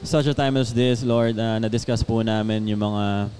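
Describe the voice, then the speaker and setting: A man's voice: lowish voice, steady tone, normal speed, a little mellow, a little hiss or hum. A man, a pastor, leading a spoken prayer after agreeing along through a casual discussion. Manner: affirms often, prays fluently. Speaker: pastor and host.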